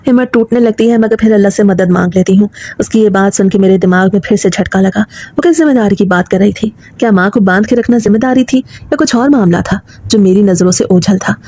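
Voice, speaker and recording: A woman's voice: mid-range voice, warm tone. A woman narrating a scripted, emotional story in the first person with dramatic delivery.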